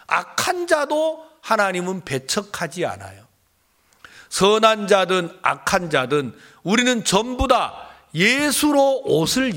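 A man's voice: sits high, a bit bright. A male pastor preaching a dramatic sermon, telling stories and acting out the voices in his dialogues.

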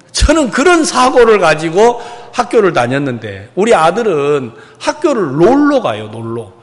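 A middle-aged male pastor preaching a sermon, telling a story with loud outbursts and hushed asides. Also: high-pitched, long reverb tail.

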